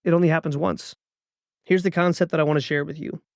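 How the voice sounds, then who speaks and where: A man's voice: on the high side, steady tone, fast, gravelly, no room sound, clean studio sound. A man in his thirties hosting a podcast, delivering an earnest motivational monologue with urging, repeated calls to action. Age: 30s. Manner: earnest, urging, repetitive exhortations. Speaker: podcast host.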